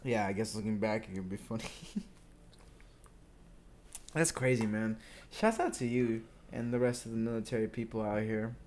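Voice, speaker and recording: A young man co-hosting a podcast in casual chat, animated and profane, quick to react and jump in. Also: on the low side, a little hiss or hum. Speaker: podcast co-host.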